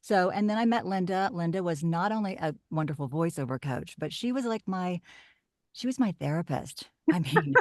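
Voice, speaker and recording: A middle-aged woman from Oklahoma, a voiceover artist telling her story in a casual podcast chat, lively with animated asides. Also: fairly low pitch, moderate pace, dry recording, studio quality.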